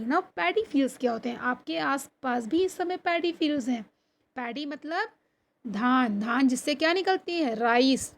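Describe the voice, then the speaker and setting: A woman teaching an online class, reading lines from a textbook slowly and then explaining them in Hindi, with questions to her students and frequent "theek hai" check-ins. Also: high voice. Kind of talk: recorded online lesson explaining a textbook chapter. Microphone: computer or phone screen recording.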